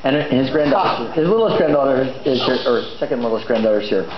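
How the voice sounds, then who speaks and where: A man's voice: mid-range voice, expressive, quick pace. A middle-aged man giving a eulogy in an informal, conversational and hesitant way, with rambling asides. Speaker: son of the deceased giving a eulogy. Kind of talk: informal eulogy at a memorial gathering. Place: large indoor memorial venue. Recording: echoey room, muffled, faint background noise.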